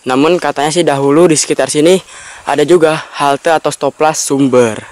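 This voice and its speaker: Smooth-voiced man narrating a travel vlog. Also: fairly high pitch, steady tone, brisk, a little mellow. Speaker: vlog host. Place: outdoors by a railway tunnel mouth in forested hills.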